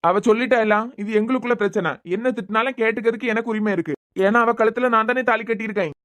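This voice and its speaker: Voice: mid-range voice, fairly bright tone, no room sound, natural voice. A voice actor playing a bewildered young husband in a cartoon, pleading with his crying wife. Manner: confused, pleading, quick-talking.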